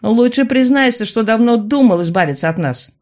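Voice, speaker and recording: A woman voicing a hot-tempered, sharp-tongued young witch who snaps back indignantly. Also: fairly high pitch, expressive, normal speed, voice pushed up, lightly acted.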